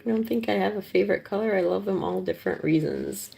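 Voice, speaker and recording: Chatting casually while she paints, this woman in her thirties hosts a live painting stream and gushes over her colors. She's an art streamer with a mid-range voice that is fast, gravelly and warm in tone.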